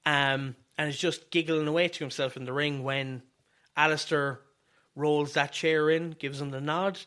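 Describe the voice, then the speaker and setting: A man's voice: fairly high pitch, steady tone, moderate pace, sharp tone, clean tone. A man co-hosting a casual podcast, rambling through wrestling ideas and acting out the wrestlers' lines. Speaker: podcast co-host. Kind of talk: casual wrestling fantasy booking chat.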